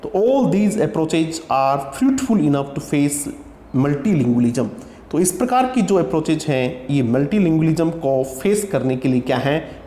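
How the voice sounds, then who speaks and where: A man's voice: fairly high pitch, warm tone, roomy sound, in a large hall. A man with an Indian English accent giving an exam prep lecture, drilling word pronunciations by repeating each one several times. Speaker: teacher.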